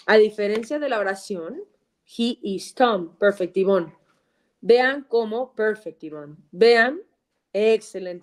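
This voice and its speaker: A Spanish-speaking woman with a fairly high, slightly mellow voice teaches an English class live online. Upbeat, she moves between Spanish and English, repeats phrases, and praises students by name.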